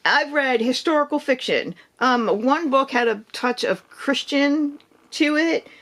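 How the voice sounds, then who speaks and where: A woman in her fifties with a high, fairly bright voice speaks at a measured pace. As a book vlogger doing a casual reading wrap-up chat, she rambles about her reading with many ums and restarts.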